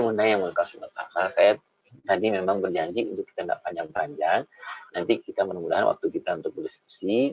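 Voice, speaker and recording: A middle-aged man with a gravelly, husky voice talks to parents in a relaxed, conversational way. He swings his tone up and down, slipping into short impressions of children and parents. The recording sounds dull and lo-fi. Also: deep voice. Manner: lively, acts out child and parent voices, addresses mothers often. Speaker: parenting speaker. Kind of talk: informal talk to parents.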